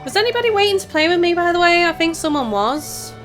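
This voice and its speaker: Her pitch is extremely high, and she talks fast and animatedly in a fairly bright voice while faint music plays behind. She's a gaming livestream host from Northwest England with a Scouse accent tinged with Welsh, reading chat aloud in a raised, projecting voice through a desktop USB microphone.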